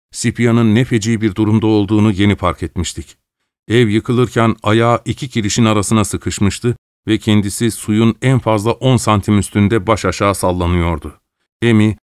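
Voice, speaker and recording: Low male voice reading an audiobook, measured and dramatic, dry close mic. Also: clean tone, dry recording. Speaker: audiobook narrator. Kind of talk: scripted audiobook narration.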